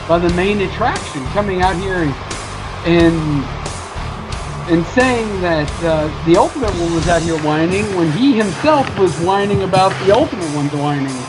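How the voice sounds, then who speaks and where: A man's voice: high voice, poor audio. A male wrestling color commentator who sounds amused and hesitant and often restarts his sentences.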